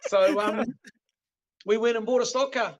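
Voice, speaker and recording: A man's voice: sits high, fairly even intonation, moderate pace. A middle-aged man with a broad New Zealand accent, chatting casually as an interview guest in a laid-back, slangy way. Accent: broad New Zealand (Kiwi). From South Island, New Zealand. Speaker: guest, veteran stock car driver. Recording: dull lo-fi call audio.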